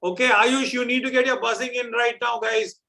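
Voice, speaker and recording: A man's voice: very high voice, steady tone, fairly quick, gravelly, bright, forceful tone. A man with a South Indian accent hosts a live quiz, explaining off the cuff in a chatty, teasing way. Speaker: quiz host.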